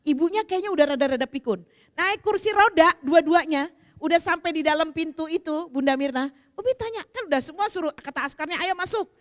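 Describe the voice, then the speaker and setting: A middle-aged woman teaching a women's religious study group. She tells stories in a chatty, animated way and acts out the dialogue. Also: very high voice, fairly quick. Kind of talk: storytelling religious talk. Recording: long reverb hall.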